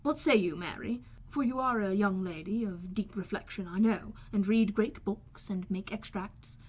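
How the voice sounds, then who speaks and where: A woman acts out a middle-aged father in an audiobook, calm and sardonic. The delivery is measured and wordy, with deadpan teasing. The voice is slightly husky. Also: medium pitch, close to an everyday voice. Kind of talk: audiobook character voice.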